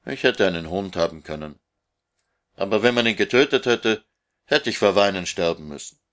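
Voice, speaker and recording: A man's voice: low-pitched, expressive, normal speed, a bit bright. A man voicing a lonely orphan boy in a storybook reading, insistent and guarded. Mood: earnest. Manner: insistent, repeating his demands.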